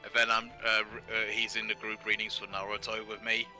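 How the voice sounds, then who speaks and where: Bright-voiced rambling young man. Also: fairly low pitch, monotone, brisk, faint music behind, low-quality recording. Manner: rambling, many restarts, swears casually. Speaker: streamer. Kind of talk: casual chat while gaming.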